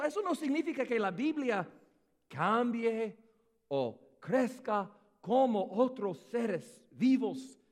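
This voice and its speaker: A man delivers a sermon in a high, lively voice that climbs and falls across each phrase. He speaks slowly and with emphasis, putting rhetorical questions straight to the congregation. His voice rings out with a long reverb, as in a large church hall. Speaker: preacher.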